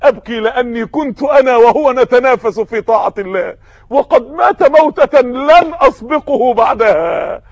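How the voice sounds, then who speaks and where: A man with an Egyptian Arabic accent voicing a steadfast, devout captive who makes slow, solemn, emphatic vows. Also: very high voice, animated, no room sound, dull audio, full character voice.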